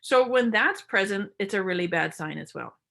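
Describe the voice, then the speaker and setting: A woman's voice: medium pitch, animated, normal speed, creaky, fairly bright tone. A woman giving a psychology workshop lecture, explaining casually and acting out short example quotes.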